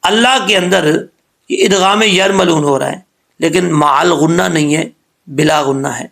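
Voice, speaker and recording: A man giving a Quran recitation lesson, who explains each rule patiently and slows down to model the sounds. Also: fairly high pitch, creaky, a bit bright.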